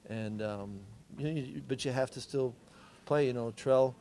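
A man's voice: mid-range voice, normal speed, mellow. A middle-aged man, a head football coach, giving plainspoken, understated answers at a postgame press conference.

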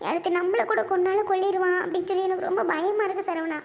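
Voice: extremely high pitch, fairly even intonation, rapid-fire. A performer playing a frightened, tearful young woman who pleads to be taken away in a skit. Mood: scared pleading. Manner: pleading, fearful.

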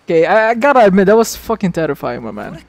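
A man streaming a game, chatting casually and excitably, swearing freely as he talks to his viewers. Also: high-pitched, quick pace, gravelly. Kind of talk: casual live-stream chat.

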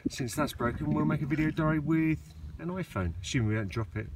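A man's voice: on the high side, brisk, a little hiss or hum. A man in his forties making a casual video diary of a ski trip, joking and laughing often, filmed on a phone held at arm's length. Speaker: vlogger filming a ski trip. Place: outdoors on snowy slopes and in a motorhome.

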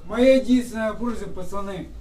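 Drunk man, slurring, high-pitched. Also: brisk, mellow, a little hiss or hum. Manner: slurred, agitated, swearing. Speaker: detained man. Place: indoor metro service room. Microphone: camera held by a bystander across the room. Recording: echoey room from far off.

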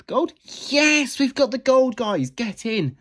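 A man's voice: very high voice, very animated, takes it slowly, a bit bright. A man giving casual commentary on scratch cards, calling out numbers one by one like a bingo caller. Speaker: scratch card video host. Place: indoors at a table.

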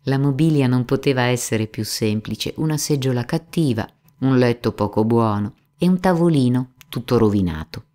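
A woman with an unusually deep voice reads a children's classic aloud. Her telling is dramatic and expressive, her pitch leaping up and down with great animation, in a storybook style. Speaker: narrator.

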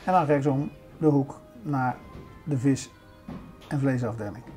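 An older man talks his viewers around a big indoor supermarket, chatty and easygoing as he points out the aisles. His voice is mellow and dark. Faint music plays in the background. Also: mid-range voice, measured pace. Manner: chatty, showing things around as he walks. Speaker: vlogger. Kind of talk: casual shopping vlog narration.

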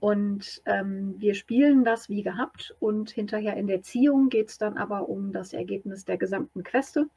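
A woman's voice: medium pitch, moderate pace, hardly any pauses, warm tone, breathy edge, no echo. Woman patiently explaining game rules. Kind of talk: casual game-table explanation.

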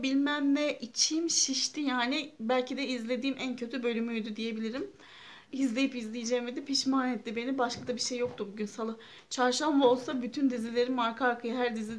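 Chatty woman vlogging at home. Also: a little high. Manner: chatty and homely, with frequent fillers. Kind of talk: casual home vlog narration. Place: at home, kitchen then living room.

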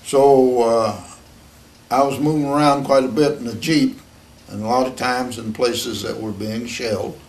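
Unscripted and haltingly, an older American man who served in the war shares his memories with an interviewer. His medium-pitched voice stays steady, and his delivery is plain and matter-of-fact.

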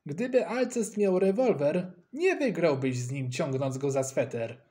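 A man voicing a scrappy schoolboy who is quick to fight, loud and mocking. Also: fairly high pitch, animated. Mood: defiant.

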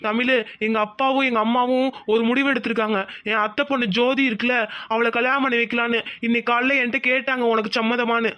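A woman's voice: on the high side, little pitch movement, quick pace, a bit bright, dry recording, lightly acted. A woman voicing a devoted young village man in a cartoon, reassuring his sweetheart. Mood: tender. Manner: coaxing, reassuring.

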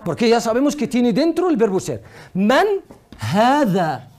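A woman teaching a lesson to a student, patient and slow, repeating words and asking questions. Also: a little high, big pitch swings, a little mellow. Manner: patient, drills words slowly and asks questions. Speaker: Arabic teacher. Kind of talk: one-on-one language lesson.

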